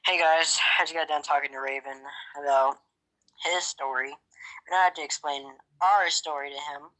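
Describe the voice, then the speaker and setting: A man voicing a character in a game roleplay, talking in a halting, hesitant way full of fillers. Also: fairly high pitch, steady tone, pushed and bright, poor audio. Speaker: roleplay player.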